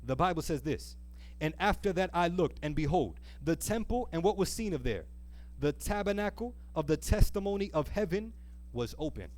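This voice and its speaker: This preacher's voice is a little high and darkish in tone, animated but at a normal speed. Delivering an earnest sermon during a live church service, he reads from scripture, asks the congregation rhetorical questions and draws out important phrases.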